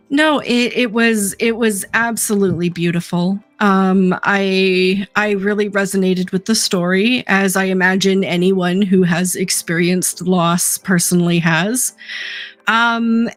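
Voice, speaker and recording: A woman's voice: medium pitch, fairly bright tone, no echo. A woman hosting a casual gaming podcast, chatty and self-deprecating, laughing often. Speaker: podcast co-host.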